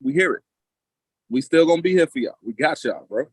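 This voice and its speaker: A man's voice: fairly high pitch, lively intonation, a little fast, husky, no echo, poor audio. A man with a slightly raised voice recorded close and dry, with no room sound, lays out his coaching plan on a basketball podcast. He speaks emphatically and confidently, hammering points home by repeating them. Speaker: podcast co-host with coaching experience. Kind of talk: casual basketball analysis.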